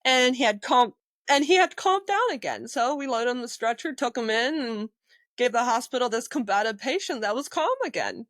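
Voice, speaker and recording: A woman on a podcast tells work stories with a fairly high voice. She keeps things lively, acts out what people said and laughs often. Her voice sounds close and dry. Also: moderate pace, no room sound. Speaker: EMT guest. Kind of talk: casual storytelling in a podcast interview.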